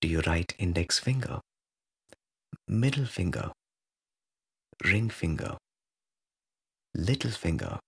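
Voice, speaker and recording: In a husky, creaky, low voice, a man takes listeners through a guided meditation. He keeps things calm and measured, pausing at length between short, soothing instructions.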